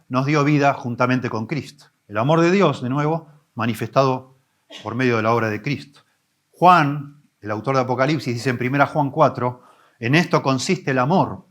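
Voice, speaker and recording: A man, a pastor preaching an expository sermon, teaching with emphatic rises and soft low drops. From Argentina.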